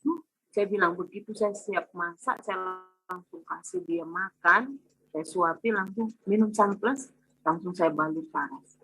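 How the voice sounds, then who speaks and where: A woman giving a casual, animated testimony over a video call, acting out her family's dialogue as she tells it. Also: lowish voice, measured pace, husky, low-quality recording. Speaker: testimonial speaker.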